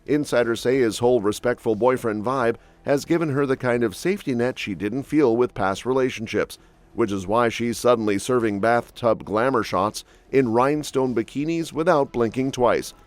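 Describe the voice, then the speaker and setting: A man's voice: mid-range voice, normal speed. Snarky male gossip narrator. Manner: snarky, quip-heavy delivery. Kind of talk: scripted entertainment gossip narration. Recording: dry voice-over with soft music bed.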